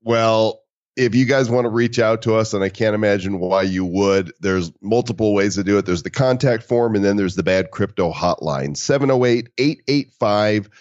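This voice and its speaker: A man's voice: on the low side, moderate pace, darkish tone, lo-fi sound. A man co-hosting a podcast, chatting casually and cracking puns. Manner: jokey, punning. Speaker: podcast co-host. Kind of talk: casual chat.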